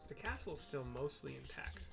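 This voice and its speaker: Brisk and gravelly, with lively intonation and a voice on the high side, this gameplay streamer speaks over music. He offers casual, somewhat hesitant commentary, reasoning aloud while describing the action on screen.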